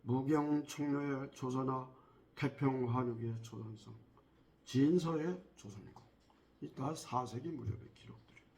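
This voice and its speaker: Man giving a measured history lecture. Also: medium pitch, fairly even intonation, a little mellow. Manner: measured, asks rhetorical questions, pauses with "ah" fillers.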